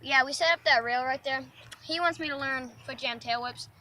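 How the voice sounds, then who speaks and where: A woman's voice: sits high, moderate pace, pushed and bright, slight background noise. A woman vlogging casually outdoors at night, sounding tired and breathless as she jokes while riding. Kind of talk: casual vlog chat.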